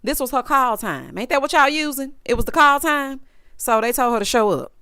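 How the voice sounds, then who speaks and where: A woman's voice: sits high, fairly quick, smooth, dry recording, studio quality. A woman hosting a reality TV recap with casual, sassy commentary full of slang and teasing asides. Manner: sassy, animated, drawling slang.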